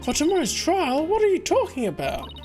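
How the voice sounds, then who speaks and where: A woman voicing an excitable, easily startled young woman in a video game, full of surprised exclamations. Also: extremely high pitch, fairly quick, faint music behind, voice pushed up. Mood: perky, indignant. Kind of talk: video game character read aloud.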